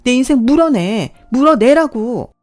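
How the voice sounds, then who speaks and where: Shrill furious sister-in-law voiced by a woman. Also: expressive, a little slow, faint music behind. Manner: shrill, yelling, demanding. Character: furious desperate grown woman, shrill and accusing.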